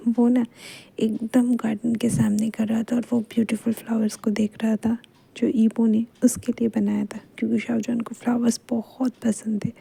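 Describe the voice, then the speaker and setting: Woman, storyteller, gravelly, very dark voice, soft half-whispered retelling. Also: fairly high pitch, little pitch movement, moderate pace. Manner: soft, half-whispered delivery with chatty fillers. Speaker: storyteller explaining a fan fiction.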